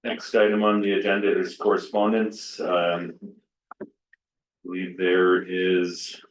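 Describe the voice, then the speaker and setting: A man formally chairing a council meeting as deputy mayor, with a halting, hesitant delivery. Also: sits low, completely flat delivery. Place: indoor council chamber. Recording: roomy, distant, dull meeting microphone.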